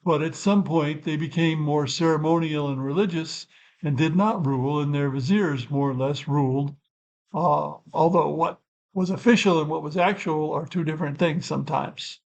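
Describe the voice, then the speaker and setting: A man's voice: fairly high pitch, normal speed, low-quality recording. An older man hosting his own channel, talking through a topic in an unscripted, rambling way and correcting himself as he goes. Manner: rambling and thoughtful, self-correcting asides. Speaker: channel host. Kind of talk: unscripted explanatory talk.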